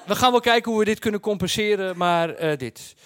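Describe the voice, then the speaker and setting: Man, high-pitched voice, dry close sound, animated casual storytelling, blunt colloquial phrasing. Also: a little fast, dry recording. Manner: acts out dialogue and sound effects. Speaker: storyteller recounting his travel experience.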